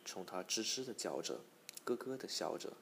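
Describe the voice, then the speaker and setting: Deep-voiced man reading a story. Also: big pitch swings, normal speed, vocal fry, a little hiss or hum. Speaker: narrator. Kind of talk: audiobook storytelling.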